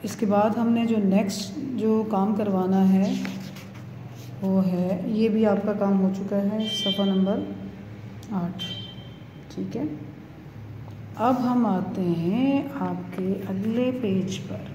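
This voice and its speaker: A woman teaching young children a lesson, repeating each word slowly and checking that they follow. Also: mid-range voice, fairly even intonation, background noise. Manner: slow, repeating words for pupils to copy. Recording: echoey room.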